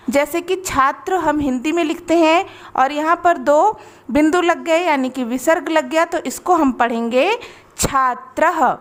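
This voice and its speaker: A woman tutor, explaining a lesson and carefully pronouncing words one by one. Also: sits high. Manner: slow, careful word-by-word pronunciation drills.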